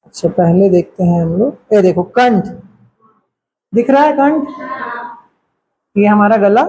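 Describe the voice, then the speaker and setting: A man teaching a lesson in a slow, patient way, often checking in with his students. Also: high-pitched, animated, dark tone, a little hiss or hum, poor audio. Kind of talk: classroom lesson.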